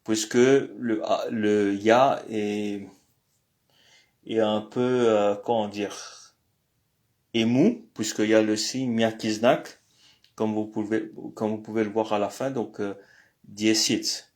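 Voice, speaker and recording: Slow, hesitant man teaching. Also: fairly low pitch, steady tone, a little mellow. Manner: slow and hesitant, many pauses and "euh". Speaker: language teacher. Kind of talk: screen-recorded lesson.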